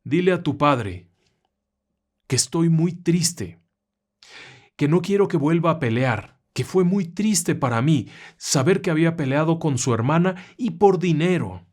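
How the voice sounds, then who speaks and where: A man puts on a grieving grandfather ghost from a spoken horror story, pitched a little above his own voice, slow and pleading. The ghost scolds with sorrow rather than rage, in drawn-out, heavy phrases. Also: expressive, darkish tone. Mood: sorrowful reproach.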